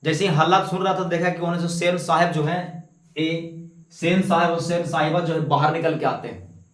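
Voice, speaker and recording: A man with a Bihari Hindi accent, explaining a story for an exam-prep lesson and answering his own quick questions. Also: a little high, fairly even intonation. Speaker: Hindi tutor. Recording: echoey room.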